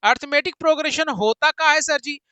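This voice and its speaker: High-pitched jokey man teaching maths. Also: brisk, dry recording, rough recording. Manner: jokey, teasing, sing-song, switches between loud and soft. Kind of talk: playful online maths lesson.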